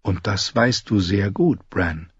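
Brief: solemn quiet youth, male narrator's take, measured and slow, husky tone, dull audio. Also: fairly low pitch, no echo, exaggerated voice. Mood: calm. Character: calm, solemn young man, unafraid.

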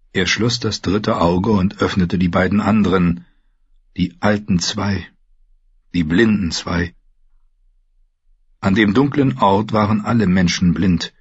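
A man narrating a fantasy audiobook with a husky voice, reading in a measured, grave manner. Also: deep voice, no room sound. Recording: dull lo-fi dry recording.

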